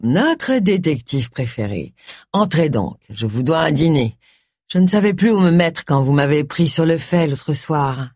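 A man's voice: fairly high pitch, expressive, unhurried, a little mellow, no echo, clean studio sound. A reader voicing a smug, genteel man who talks in a mocking, amiable way with a sinister edge.

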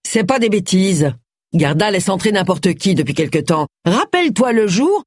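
A petulant husband whines and protests, pitched strangely high and a little off-mic. The narrator puts him on with a slightly husky, dry sound. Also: male voice, big pitch swings, moderate pace, no echo. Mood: whiny, indignant. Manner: whiny, indignant. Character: lazy bickering husband, petulant.

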